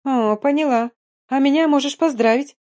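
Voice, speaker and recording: A woman's voice: sits high, lively intonation, a little fast, warm tone, pitched above the performer's own voice. A woman voicing a smug, boastful young woman with a gloating, sing-song way of talking in an audiobook.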